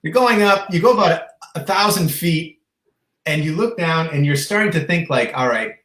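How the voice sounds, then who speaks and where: A young man co-hosting a live Q&A, telling an animated story with frequent laughter. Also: a little high, moderate pace, reverberant. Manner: animated, laughing, acts out voices. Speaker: co-host.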